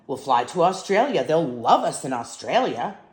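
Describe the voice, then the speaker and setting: A flamboyant, scheming old-stage showman, acted out by a woman in a storybook reading. He is eager and theatrical, with lively pitch, heard in an echoey room. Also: normal speed.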